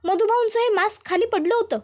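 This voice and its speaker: A woman's voice: very high voice, a little fast, a little mellow, pitched above the performer's own voice. A woman voicing a scheming middle-aged man who lies in a wheedling, falsely innocent way. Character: scheming middle-aged man, a smooth-talking lying villain.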